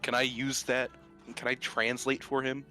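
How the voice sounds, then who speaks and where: A man's voice: mid-range voice, completely flat delivery, normal speed, bright, forceful tone, soft background music. A man playing a tabletop game, earnestly asking the game master about rules and plans. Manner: earnest, asks rules questions. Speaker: player. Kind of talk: casual tabletop play.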